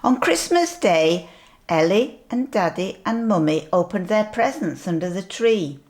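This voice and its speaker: A sweet grandmotherly older woman reading a picture book aloud to young children, gently pointing things out as she goes. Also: medium pitch, lively intonation. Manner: slow, deliberate storytelling with asides.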